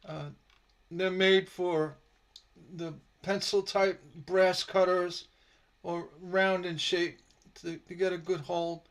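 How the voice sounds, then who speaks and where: This high-voiced man speaks slowly while teaching stained glass on a laid-back live stream, heard through a computer mic. He sounds a bit hoarse from a sore throat and wanders along easily, full of filler words.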